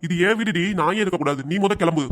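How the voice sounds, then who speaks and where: A man voicing a patient middle-aged cartoon father who answers his wife and son softly and defensively. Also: sits high, very fast, natural voice. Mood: pleading. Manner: soft, pleading and defensive. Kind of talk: cartoon voice acting.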